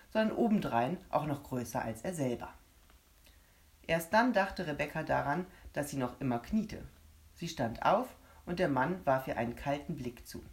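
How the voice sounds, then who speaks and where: A woman narrating a children's story in steady storytelling. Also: sits low. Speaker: audiobook narrator.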